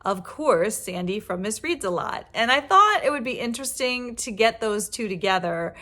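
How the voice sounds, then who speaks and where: A woman's voice: medium pitch, expressive, moderate pace, bright, forceful tone. A middle-aged woman who is a reading teacher, chatting casually about books to her viewers, tired after a workday, with many fillers and restarts. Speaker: book vlogger and reading teacher. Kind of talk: casual chat to camera.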